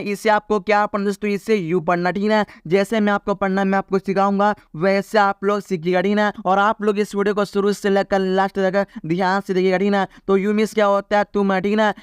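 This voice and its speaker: Male Hindi English tutor, high flat voice, repetitive drilling delivery. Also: smooth, no echo, clean studio sound. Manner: repetitive quiz-style drilling with "theek hai na?". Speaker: English teacher. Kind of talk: Hindi-language English lesson.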